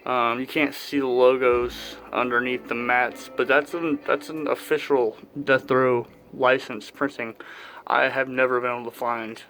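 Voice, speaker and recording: A man in his thirties with a lisp and whistling s, giving a casual, halting video tour of his collection at home. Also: medium pitch, fairly even intonation, a bit bright, poor audio. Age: 30s. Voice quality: lisp with whistling s from new braces. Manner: halting, pauses mid-sentence. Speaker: collector presenting own collection. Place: inside a house.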